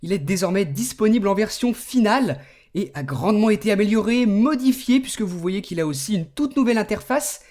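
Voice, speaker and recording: Relaxed man demoing a phone. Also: high-pitched, a little fast. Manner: relaxed, explanatory, speaks commands to the phone. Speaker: tech video host. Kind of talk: screen demo tutorial.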